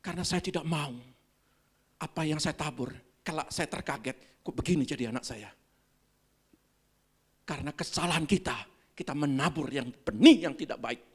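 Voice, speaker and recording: A woman pastor preaching a Sunday sermon in church, swinging between loud exclamations and soft near-whispers and calling out to the congregation. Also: sits low, moderate pace, slightly rough. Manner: calls out to the congregation. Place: church service.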